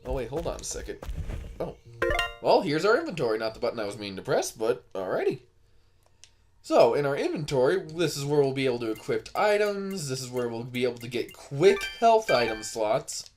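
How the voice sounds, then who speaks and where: A man's voice: medium pitch, very animated, a little fast. A man giving casual game commentary as a let's play host, with game music behind him.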